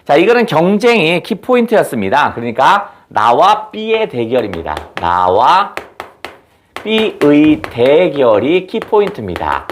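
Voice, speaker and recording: A man's voice: a little high, huge pitch swings, slow pace, a little hiss or hum. A young adult man giving an exam-prep literature lecture in a chatty way, asking students rhetorical questions and acting out lines. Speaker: Korean literature teacher.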